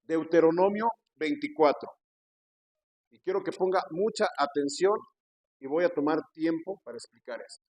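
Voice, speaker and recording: A Mexican man preaches a sermon in a fairly high voice, recorded close and dry. He keeps turning to the congregation with rhetorical questions and calls each listener brother. He stresses his key words as he builds his points. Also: moderate pace, darkish tone, dry recording, poor audio. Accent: Mexican Spanish. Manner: preaching, peppers speech with "hermano" and rhetorical questions. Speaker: pastor. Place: church.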